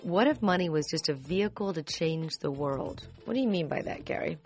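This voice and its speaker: A woman's voice: lowish voice, lively intonation, a little fast, faint music behind. A woman hosting a radio interview during a pledge drive, gushing and enthusiastic. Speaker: radio host.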